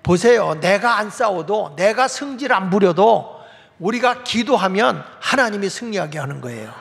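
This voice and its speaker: A man's voice: sits high, lively intonation, normal speed, vocal fry. A male pastor preaching a sermon in a folksy way, asking the congregation questions as he goes. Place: church sanctuary. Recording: long reverb of a large hall.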